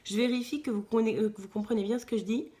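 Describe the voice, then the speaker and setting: Woman from France, slightly high voice, chatty live sewing teacher who greets viewers and fills pauses while working at her machine. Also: fairly even intonation, dark tone. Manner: chatty, thinks aloud with many fillers, greets viewers.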